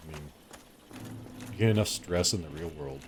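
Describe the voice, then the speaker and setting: A deep-voiced man streams a game live, chatting with his viewers over game music in a rambling, jokey way. He talks at normal speed against a noisy background.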